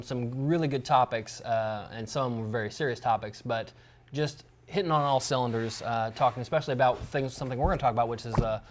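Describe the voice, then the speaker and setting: A man hosting a casual comedic chat show in a toy shop, rambling and joking as he plugs things. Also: mid-range voice. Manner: rambling and jokey, plugging things. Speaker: show host.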